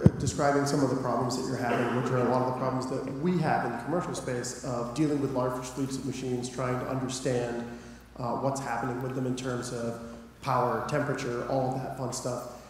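A man in the audience politely asking the panel a measured question. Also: medium pitch, steady tone. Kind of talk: conference Q&A question. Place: large conference hall audience. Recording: very echoey hall with faint noise.

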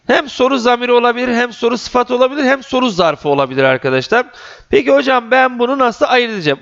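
A man's voice: high-pitched, fairly bright tone. A man teaching a grammar lesson for exam preparation, emphatic and repeating key points to his students. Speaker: Turkish teacher. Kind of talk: exam prep grammar lecture. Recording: dull lo-fi recording.

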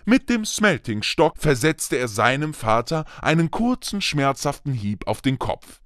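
Slow, lively male audiobook narrator. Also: mid-range voice, no room sound, clean studio sound. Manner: slow, expressive storytelling delivery.

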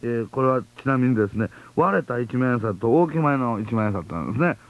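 A man's voice: mid-range voice, expressive, quick pace. A male radio host with an Osaka accent, reading out a listener's angry letter in a heated voice and chatting with his co-host. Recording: lo-fi old radio broadcast, phone-like.

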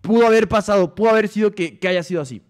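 High-voiced Mexican streamer chatting casually. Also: male voice, fast talker. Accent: Mexican Spanish. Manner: slangy, swears freely, laughs often, reads stories in a lower flat voice. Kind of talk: casual livestream chat, reading viewer stories.

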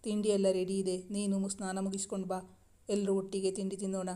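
Woman reading as a gentle older mother-in-law. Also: medium pitch, monotone, a little fast, natural voice.

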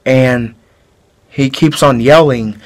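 A man playing a male killer who confesses a brutal fight in a halting, rambling way, in an amateur home-video drama. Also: mid-range voice, natural voice. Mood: flat confessing. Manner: halting, rambling storytelling with restarts.

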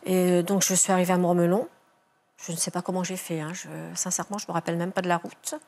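An older woman, a grandmother, giving a halting, emotional account in a TV studio interview, repeating her words as she relives the events. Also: lowish voice, flat delivery, a little mellow. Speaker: grandmother of a victim, guest.

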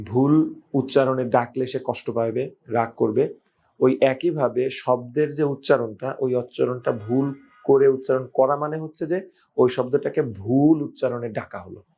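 A man teaching English pronunciation, stretching out each sound slowly and repeating it. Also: mid-range voice, darkish tone. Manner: slow, drawn-out sounds demonstrated and repeated. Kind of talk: phonetics lesson.

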